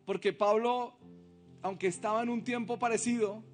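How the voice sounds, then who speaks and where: A man's voice: high-pitched, fairly even intonation, moderate pace, soft background music. A male pastor preaching a sermon, reading scripture aloud and asking the congregation rhetorical questions.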